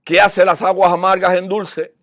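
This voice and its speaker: A male preacher delivering a language sermon, moving from low, quiet passages to loud, high-pitched exhortation. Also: level tone, normal speed.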